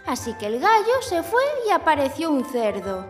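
A woman narrating a children's tale in a gentle, expressive way. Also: sits high, normal speed. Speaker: children's storyteller. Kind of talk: scripted storybook narration. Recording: long hall reverb, faint music.

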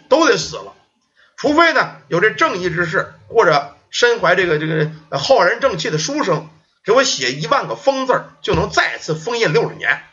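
A man's voice: sits high, sharp tone, highs cut off, exaggerated voice. Man doing an old pleading ghost. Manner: slow, pleading, old-fashioned formal speech.

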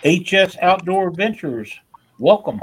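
A man's voice: high voice, animated, a little slow, noisy background. A man hosting a casual live stream, upbeat and greeting viewers by name.

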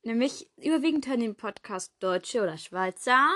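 A woman co-hosting a podcast in casual chat, eager and quick to jump in. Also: on the high side, animated, fairly bright tone. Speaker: podcast co-host.

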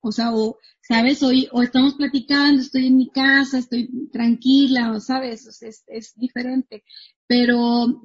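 A woman in her 30s, a marketing coach from northwestern Mexico, joins a casual interview from her home. Her husky, slightly high voice moves at a measured pace, and she is chatty, animated and quick to laugh. The recording is muffled.

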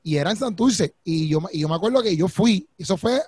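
Man, casual anecdotal chat, slangy, high voice, dry close sound. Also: expressive, a little mellow, slightly rough, no room sound. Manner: slangy, quick anecdotal storytelling.

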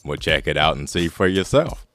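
Man playing a deep-voiced slangy deadpan uncle. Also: normal speed, heavily acted. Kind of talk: comedy skit banter.

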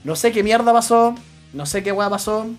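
Crude joking Chilean podcast host. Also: male voice, sits high, moderate pace, soft background music. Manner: crude, joking, stammering restarts. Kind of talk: casual podcast banter.

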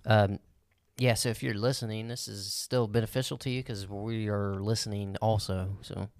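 Joking low-voiced man co-hosting a podcast. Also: flat delivery, normal speed, a little mellow, dry recording. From American Midwest. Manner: laid-back, joking, slangy. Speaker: podcast co-host. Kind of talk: casual podcast chat.

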